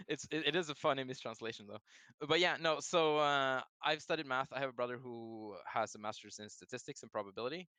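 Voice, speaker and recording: Bright, smooth Norwegian-accented man. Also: medium pitch, a little fast, no echo. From Norway. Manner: friendly, relaxed, self-correcting. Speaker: game designer guest. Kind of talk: casual interview.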